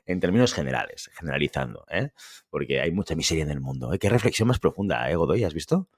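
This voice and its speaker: A man's voice: a bass voice, big pitch swings, a little fast, breathy edge, dry recording, clean studio sound. A man from hosting a casual podcast, chatty and tagging his sentences with a questioning "eh". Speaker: podcast host.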